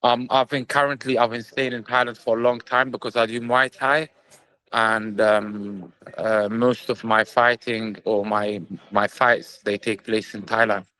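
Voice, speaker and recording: A young man, a Muay Thai fighter raised in England, answering interview questions earnestly with frequent pauses and fillers. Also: lowish voice, level tone, pushed and bright, low-quality recording. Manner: earnest, halting with many fillers.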